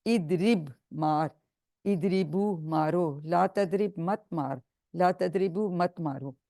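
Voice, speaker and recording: A woman teaches grammar in an online class, coaxing and correcting as she goes. Her voice sits low and mellow. It sounds dry and close, as over a video call. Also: slow, no room sound. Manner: patient, coaxing, repeats and corrects. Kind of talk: online class drilling students.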